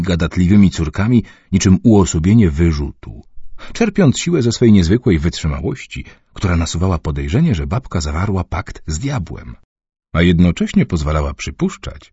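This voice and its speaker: A man reading a novel aloud in a measured, expressive audiobook narration. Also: low-pitched, breathy edge, no room sound. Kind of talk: scripted narration. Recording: dull muffled recording.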